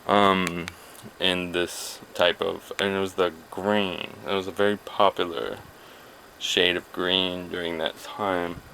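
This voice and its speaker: A man's voice: low voice, flat delivery, slow, gravelly, pushed and bright, a little hiss or hum, poor audio. A man vlogging alone to his camera, rambling and swearing freely while trailing off mid-thought. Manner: rambling, profane, self-deprecating, trailing off.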